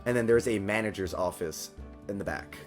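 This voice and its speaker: A man improvising narration as game master of a tabletop game, often halting to find his words. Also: fairly low pitch, faint music behind.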